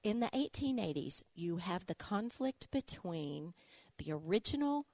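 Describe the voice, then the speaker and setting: A woman's voice: fairly low pitch, sing-song, a little slow, a little mellow, no echo. A woman with an Arkansas accent explaining history conversationally in an interview, step by step like a teacher checking that the listener follows. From Arkansas, United States. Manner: didactic, step by step, with check-in questions. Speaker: guest explaining local history.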